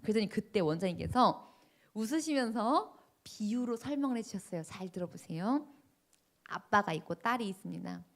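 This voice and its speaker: A woman's voice: mid-range voice, animated, normal speed, vocal fry. A woman preaching a sermon, telling her own testimony dramatically and asking the congregation questions. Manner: dramatic storytelling, voices the people in her story.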